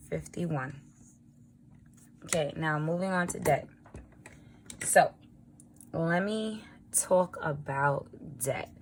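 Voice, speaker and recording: A woman with a raspy early-morning voice, chatting informally as a vlogger while she writes out a budget. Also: on the low side, a little hiss or hum. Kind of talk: casual budgeting vlog narration.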